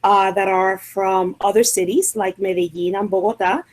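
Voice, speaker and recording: A woman from Colombia's Caribbean coast with a Caribbean Spanish accent, a dietitian and diabetes educator answering interview questions in a measured, explanatory way. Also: medium pitch, steady tone, rough recording.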